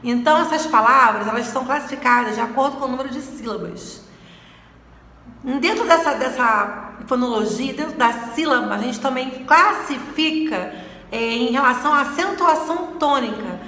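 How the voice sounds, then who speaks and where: A woman's voice: sits high, normal speed, bright, forceful tone. A woman from Brazil teaching a recorded lesson to young students, stretching out and repeating words to stress their syllables. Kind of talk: recorded video lesson for sixth graders. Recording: echoey room with long reverb.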